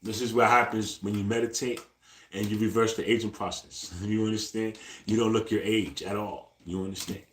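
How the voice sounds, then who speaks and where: In an echoey room, a livestreamer in his forties speaks fairly quickly with a lowish, level voice. His casual chat is full of loose slang, nearly every phrase capped with "bro," and he repeats things for his viewers.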